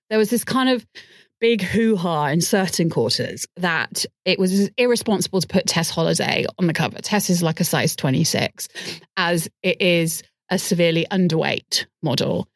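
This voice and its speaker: A woman talking as a podcast guest in casual chat, animated and self-deprecating, often restarting her sentences. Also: fairly low pitch, no room sound, clean studio sound.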